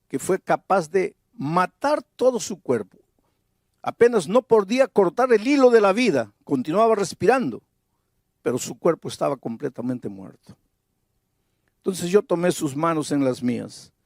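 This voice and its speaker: A man's voice: high-pitched, a little mellow, no room sound, studio quality. A man preaching a sermon as pastor, telling a story and then building to fervent, emphatic exhortation.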